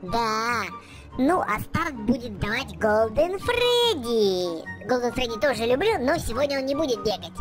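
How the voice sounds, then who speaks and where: A video host giving excited game commentary for kids in an exclamatory way, repeating words in bursts. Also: medium pitch, a little slow, over music.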